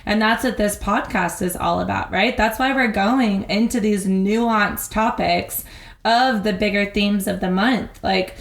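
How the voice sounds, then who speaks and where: A woman co-hosting a podcast in casual chat, talking in an animated way and acting out little scenes. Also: mid-range voice, vocal fry. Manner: animated, acts out little scenes in quick voices. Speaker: podcast co-host. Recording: roomy echo.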